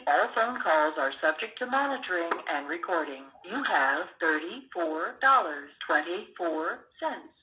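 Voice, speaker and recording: A woman's recorded operator announcement playing over a payphone line, measured and formal. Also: on the low side, sing-song. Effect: recorded prompt over a payphone line. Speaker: automated phone operator. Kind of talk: scripted automated announcement. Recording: muffled phone line with faint noise.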